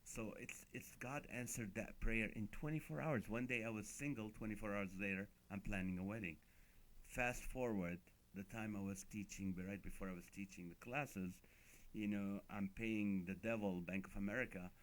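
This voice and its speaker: A man's voice: lowish voice, moderate pace. A middle-aged man, a guest comedian, telling funny stories on a talk show and acting out the voices of the people in them. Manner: animated comic storytelling, acts out quoted voices.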